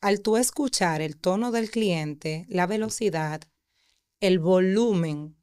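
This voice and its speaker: A woman's voice: on the low side, takes it slowly, mellow, clear, resonant tone. A woman hosting a podcast, agreeing with her guest and adding her own points in casual conversation. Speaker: podcast host.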